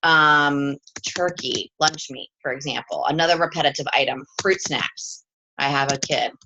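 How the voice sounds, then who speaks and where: A woman's voice: low-pitched, fairly even intonation, normal speed, noisy background. A woman leading a live coaching chat with her team from home, upbeat and chatty and often checking in with "okay?".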